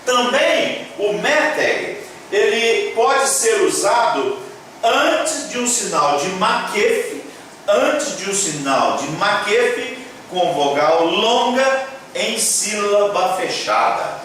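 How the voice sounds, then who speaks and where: A man teaching a class in a slow, deliberate way, his fairly high voice swinging widely up and down as he repeats each key word. He keeps checking that his listeners follow and cheers them on. The voice sits well back from the mic in a very echoey room with faint background noise. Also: big pitch swings, fairly bright tone, recorded from a distance. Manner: repeats key words slowly, checks in with "tá?" and "certo?"; encouraging, addresses viewers as "minha gente". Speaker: Hebrew teacher. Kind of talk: classroom-style lecture at a board.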